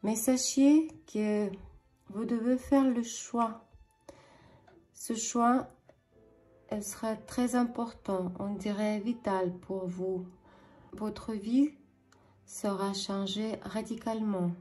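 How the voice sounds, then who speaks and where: A woman reads tarot in a slow, mellow voice. She speaks earnestly and now and then lets words drop to a breathy whisper, with soft music faintly behind her. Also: mid-range voice, steady tone. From Ukraine. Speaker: tarot reader. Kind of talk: tarot reading for viewers.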